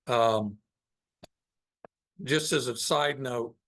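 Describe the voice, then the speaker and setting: Unhurried and even, this man walks a live audience through his slides in a meeting room at a very slow pace. His voice sits at an ordinary middle pitch. He thinks aloud, with frequent pauses between points, keeping the tone of an informal presentation.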